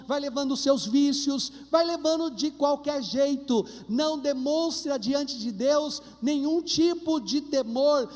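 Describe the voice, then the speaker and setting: High-voiced Brazilian priest preaching. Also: male voice. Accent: Brazilian Portuguese. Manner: animated preaching with humorous anecdotes. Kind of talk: sermon at Mass. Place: large church. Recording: reverberant church hall.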